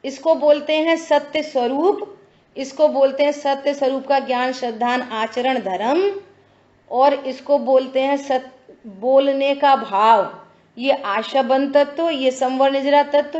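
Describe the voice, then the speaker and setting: High-voiced woman giving a spiritual discourse. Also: darkish tone. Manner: explains patiently, repeats phrases, asks if listeners follow. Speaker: spiritual teacher. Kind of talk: religious discourse. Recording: echoey dull lo-fi room.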